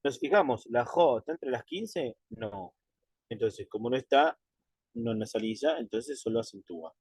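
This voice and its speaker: A man teaching Quran recitation in an online lesson, patient and methodical, checking in with his students and slowing right down to model drawn-out pronunciations. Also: medium pitch, expressive, a little mellow, slightly rough, no echo.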